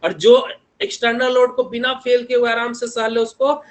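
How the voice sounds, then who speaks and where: High-pitched young male lecturer a lilt, chatty teaching tone full of check-ins and homely examples. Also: fairly even intonation, moderate pace. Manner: repeats tag questions constantly, homely examples. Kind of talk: online engineering lecture.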